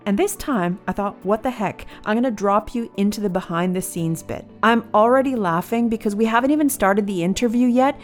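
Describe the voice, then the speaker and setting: A woman hosting a podcast, introducing her guests in a bubbly, playful way. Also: medium pitch. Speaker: podcast host. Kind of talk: podcast intro and casual chat.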